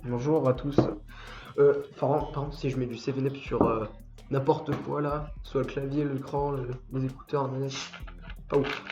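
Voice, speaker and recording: A teen boy with a cold and stuffy nose chats on a gaming stream at a moderate pace in a mid-range voice with little pitch movement. He rambles, curses freely and bursts into angry shouting at the game, recorded in dull lo-fi with roomy echo and faint music.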